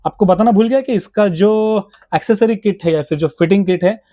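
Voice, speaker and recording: Here a motorcycle gear shop seller with an Indian accent goes through products in detail, chatting in a mix of Hindi and English. He has a high-pitched, warm voice and speaks at a moderate pace, in a dry, clean studio recording.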